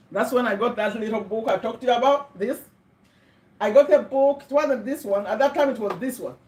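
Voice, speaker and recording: A high-pitched, middle-aged woman with a Ugandan accent runs a casual motivational livestream from her webcam. Chatty by nature, she checks in with her viewers and repeats words for emphasis, all in an echoey room.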